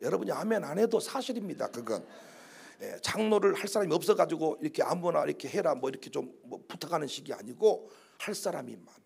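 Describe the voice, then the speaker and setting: A male pastor preaching a sermon, swinging from loud emphatic declarations to low quiet asides and acting out quoted prayers in slow dramatic voices. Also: animated, vocal fry, slightly rough.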